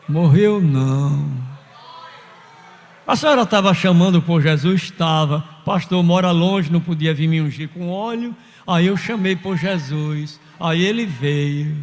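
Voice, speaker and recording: A man preaching a fervent sermon as pastor in a church, telling stories and acting out the people in them. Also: on the high side. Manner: fervent preaching with story-telling and quoted voices. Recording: long hall reverb.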